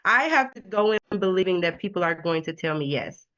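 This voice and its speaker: Animated woman coaching on a call. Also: on the low side, brisk, lo-fi sound. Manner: animated, laughing, preachy encouragement. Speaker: sales coach guest. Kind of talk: casual video call chat. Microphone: video call.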